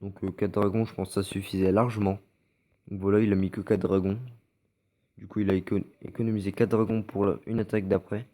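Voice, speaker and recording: Stuffy from a cold, a French-accented gameplay commentator talks through recorded matches in a relaxed, rather low, mellow and soft voice. He speaks fairly quickly but hesitantly, often stopping to restart with fillers.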